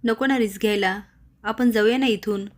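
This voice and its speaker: A woman's voice: a little high, steady tone, normal speed, close to an everyday voice. A woman voicing a frightened young woman who keeps pleading with her companion. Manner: pleading, anxious.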